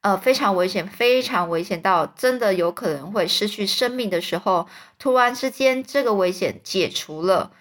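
A woman reads a children's storybook aloud in a gentle, plain voice. She often stops to explain words in simple terms for young listeners. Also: mid-range voice, animated, moderate pace, hardly any pauses. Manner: gentle, with fillers and restarts. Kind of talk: reading a children's book aloud.

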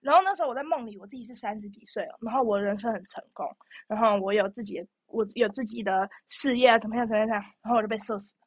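Young woman, podcast co-host; fast, chatty, animated storyteller, dry studio sound. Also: a little high, husky, no echo. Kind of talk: casual chat.

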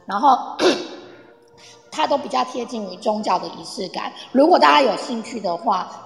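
A woman with a gravelly, mid-range voice gives an informal, explanatory talk as a guest speaker on Polish culture, speaking directly to her listeners like a teacher. She addresses a live online audience in an audio room, and the recording is echoey with long reverb.

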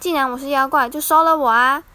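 A woman's voice: high voice, normal speed, lightly acted. Bai Suzhen, a woman voicing the snake spirit wife. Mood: angry. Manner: earnest, turns sharp and scolding when crossed.

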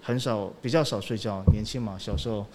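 Man, 40s, interview guest, halting speech, frequent affirmations, English words mixed in. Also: on the low side, crowd noise. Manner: halting, repeats 对 often, drops English words. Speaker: sound director guest. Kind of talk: casual interview chat.

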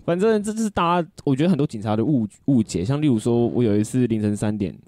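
A man makes his point emphatically in a casual podcast chat. His pitch swings widely and he talks fast, with frequent hums of agreement. His tone is dark, and the recording is dry. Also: animated, no echo. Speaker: podcast co-host.

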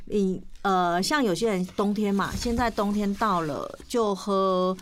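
A woman's voice: medium pitch, unhurried, slight background noise. A woman with a Taiwanese accent in casual discussion, presenting health advice and asking questions.

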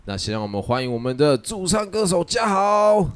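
A man hosting a casual chat podcast, telling stories in an animated way and laughing often. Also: a little high, a little fast, smooth. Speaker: podcast host.

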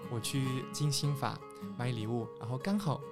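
A man from Peru talks in a relaxed, casual panel chat in Mandarin. He hesitates and searches for words at a middle pitch, with clearly audible guitar music behind him. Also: normal speed. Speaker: podcast panelist.

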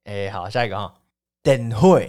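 A man's voice: fairly low pitch, lively intonation, moderate pace, dark tone. A man with a Taiwanese Mandarin accent, co-hosting a casual comedy podcast and laughing often. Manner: playful, laughs often, trails off mid-word. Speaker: podcast co-host.

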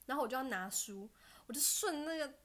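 A young woman, a podcast guest telling funny stories of her bad luck in a casual, animated chat. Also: high-pitched, fairly quick. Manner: animated storytelling, bursts of laughter and loud self-cheers.

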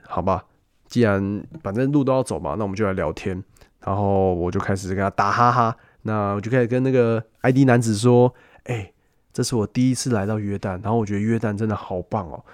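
A man hosting a travel storytelling podcast, chatty and animated, often speaking straight to the listener. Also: lowish voice, no room sound, clean studio sound. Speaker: podcast host.

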